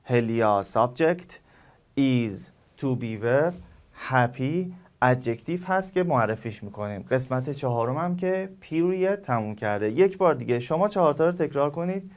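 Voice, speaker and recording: With a slightly high voice and a Persian accent from his native language, this man teaches English in a recorded lesson. His explanations are slow, backed by examples he goes over again and again.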